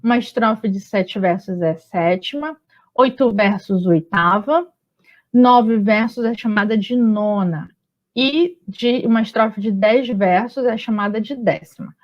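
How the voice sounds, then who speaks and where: A woman's voice: mid-range voice, measured pace. A woman teacher explaining step by step in a patient, explanatory manner, often checking in with her students. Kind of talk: recorded online lesson. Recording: muffled lo-fi audio.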